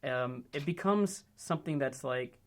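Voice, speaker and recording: A man's voice: medium pitch, unhurried. A man from Ohio hosting a casual chat with friends, upbeat and loose in his talk. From United States, Ohio. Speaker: host. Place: indoors with friends.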